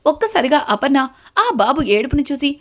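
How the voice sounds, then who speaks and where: A woman narrating a steady, story-style recap of a TV serial episode, linking each event to the next. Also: high voice, fairly quick. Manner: steady retelling, links events with repeated connectives.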